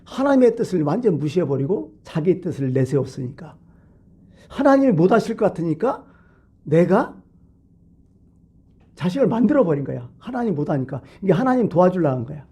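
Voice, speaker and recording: A man's voice: high voice, big pitch swings, brisk, long pauses, warm tone, slightly rough. A male pastor giving a midweek sermon in a church, talking to the congregation in a conversational way and asking them rhetorical questions. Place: church sanctuary.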